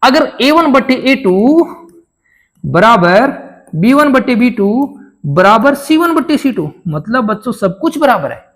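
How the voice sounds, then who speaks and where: A man's voice: very high-pitched, big pitch swings, slow. A man teaching a school maths lesson, asking his pupils questions, answering them himself and repeating each key answer. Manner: addresses pupils warmly as children.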